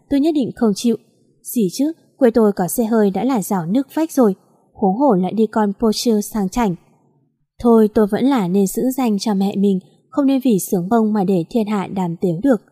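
A woman reads a novel aloud in the first person, keeping an even, steady storytelling pace. Her voice is warm and dark, with a husky edge. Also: medium pitch. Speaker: narrator.

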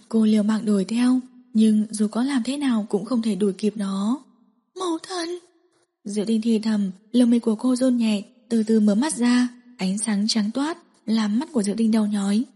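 Woman narrator, soft audiobook reading, husky, long hall reverb. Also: on the high side.

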